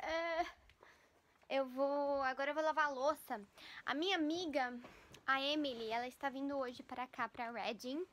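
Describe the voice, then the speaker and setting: A young woman with a high voice chats casually into a handheld camera at home, rambling and full of fillers. Now and then she drops into fond baby talk for her cat. A faint room ambience hums behind her. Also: unhurried, pauses often, fairly bright tone, slight background noise. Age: young adult. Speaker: vlogger. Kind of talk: casual vlog chat. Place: at home, first kitchen then living room.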